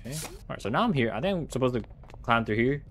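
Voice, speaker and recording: A man's voice: medium pitch, lively intonation, quick pace, a bit bright, a little hiss or hum. A young man casually talking through a horror game, reading signs aloud and reacting with startled outbursts. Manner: chatty, reacts with startled exclamations. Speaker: gaming channel host. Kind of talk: horror game let's play commentary.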